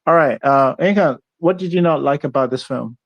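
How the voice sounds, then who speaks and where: A man's voice: on the high side, normal speed, vocal fry, muffled recording. A man hosting a film club discussion, inviting comments and turning to a panelist. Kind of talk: casual podcast hosting.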